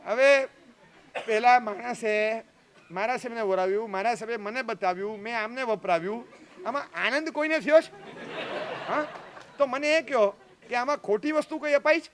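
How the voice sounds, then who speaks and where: A man's voice: very high-pitched, normal speed, a bit bright, a faint crowd, a little hiss or hum. A man giving a sermon as a Jain monk, telling a story and acting out the dialogue, often asking the audience questions. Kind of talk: sermon with acted anecdotes.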